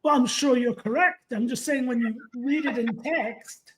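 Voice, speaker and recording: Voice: high-pitched, moderate pace, a little hiss or hum. A podcast co-host chatting casually, with playful, teasing banter. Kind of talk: casual chat.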